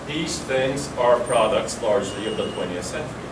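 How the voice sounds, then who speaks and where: A man giving a university lecture in a measured, emphatic way, building points through lists. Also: medium pitch, animated. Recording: echoey room, distant mic, air conditioning hum.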